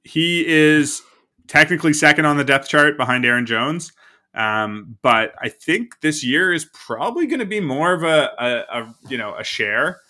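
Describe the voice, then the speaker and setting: His voice is a little high, animated and pushed bright, at a moderate pace. As a podcast co-host, he rambles casually about football, leaning on plenty of fillers.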